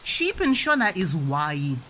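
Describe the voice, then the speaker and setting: A young mother gives her toddler a playful language lesson, full of encouraging sing-song questions and repetition. Her voice is lowish and a bit bright, very animated yet slow.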